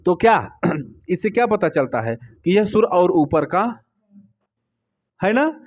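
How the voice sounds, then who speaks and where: A man's voice: sits high, sing-song, slow. A man teaching a music lesson, explaining notes patiently and often asking his students questions. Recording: slightly dull, lo-fi sound.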